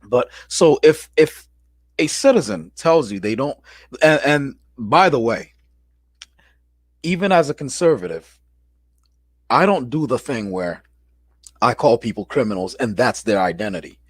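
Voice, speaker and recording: A man's voice: mid-range voice, no echo, studio quality. A man hosting a casual call-in chat, talking in a laid-back, slangy way with frequent restarts. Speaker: show host.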